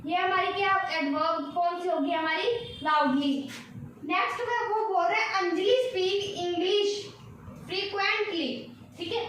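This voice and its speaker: Woman teacher, very high voice, slow repeated examples, echoey room heard from a distance. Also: a bit bright. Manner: repeats each example slowly, checks in often. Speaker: English teacher. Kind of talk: classroom lesson explaining grammar. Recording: echoey room, distant mic, faint noise.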